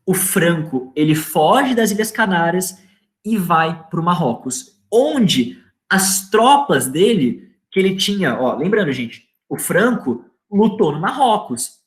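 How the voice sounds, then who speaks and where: A Brazilian-accented history teacher talks through a lesson in a loose, slangy way, often asking the students questions. The voice sits at a middling pitch. The room around it rings with echo. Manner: informal and slangy, asks students rhetorical questions. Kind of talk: casual online history lecture. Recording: echoey room.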